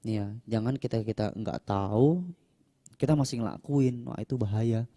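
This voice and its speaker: A man's voice: normal speed, mellow. A young man, a Buddhist monk, chatting casually in a question-and-answer talk without a microphone, acting out the people in his stories. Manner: chatty, acts out quoted people with raised pitch. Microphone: no microphone, voice sometimes quiet.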